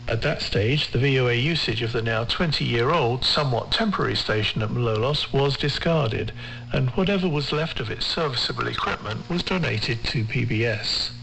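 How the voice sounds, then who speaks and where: A male radio presenter with a mid-pitched voice narrates a scripted feature in a measured, formal way, enunciating carefully, with vocal fry and a pushed, bright tone. The shortwave recording is low in quality, with light noise and hum.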